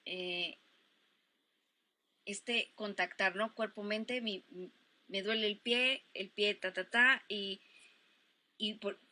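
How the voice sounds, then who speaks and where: A woman's voice: medium pitch, steady tone, slow pace, pauses often, sharp tone. A woman with a Mexican accent interviewing a guest, reflecting aloud with some hesitations. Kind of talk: interview, conversational.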